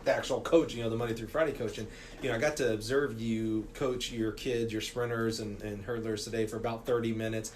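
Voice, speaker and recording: A middle-aged man hosting a podcast, chatting in a relaxed way with lots of fillers. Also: mid-range voice, fairly quick. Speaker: podcast host. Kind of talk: casual interview talk. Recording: faint background noise.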